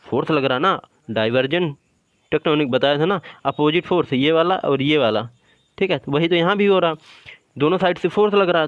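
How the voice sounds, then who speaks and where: A male teacher with a fairly high voice runs an exam-prep lecture, drilling terms through repeated questions and answers and saying "ठीक है" after nearly every point as he explains a drawing step by step. The audio has no echo, but the highs are cut off.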